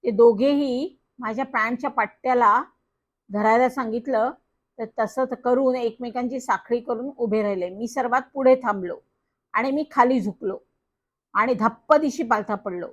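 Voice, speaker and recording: High woman storyteller, lively first-person kids' story, dull lo-fi sound. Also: normal speed. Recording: dull lo-fi recording.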